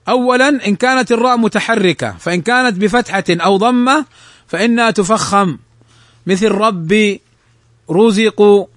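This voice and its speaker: A man with a high voice teaches the rules of Quran recitation. He explains each rule step by step and slows down to recite and repeat the example words. The recording is close and dry, with no room sound. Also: fairly bright tone, dry recording. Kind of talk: lesson on tajweed rules.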